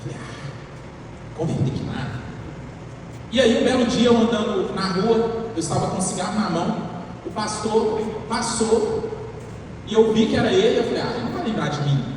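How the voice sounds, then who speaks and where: Man in his thirties in an echoey hall. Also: high voice. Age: 30s. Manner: animated storytelling, acting out quoted lines. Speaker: worship leader and singing teacher. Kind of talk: church talk to a live audience. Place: large church hall. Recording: echoey hall, distant mic, noise.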